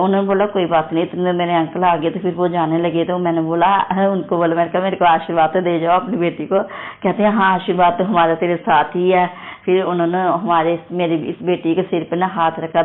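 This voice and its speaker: A woman shares a devotional testimony with earnest, repetitive storytelling and frequent asides to her listeners. Her pitch stays narrow and even. The sound is thin and phone-like, as if recorded down a phone line. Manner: earnest, repetitive, often addresses the congregation. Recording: tinny phone-quality recording.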